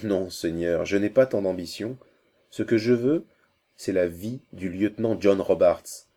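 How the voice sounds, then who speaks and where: A man's voice: sits low, measured pace, mellow. A man reading aloud and voicing an Indian messenger, a fierce conspirator full of urgency and hatred for his enemies. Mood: bargaining. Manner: urgent, scornful, savage laughter.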